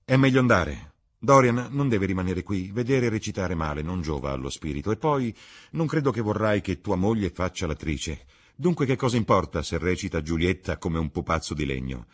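A man's voice: sits low, sing-song, normal speed. A man voicing a cynical, witty aristocrat with an ironic, epigrammatic drawl in a storybook reading.

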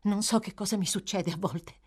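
A woman's voice: medium pitch, moderate pace, a little mellow, slightly rough, soft background music, pitched above the performer's own voice, lightly acted. A woman reading an audiobook voices a distressed young woman who speaks tremulously and evasively. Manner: tremulous, uneasy.

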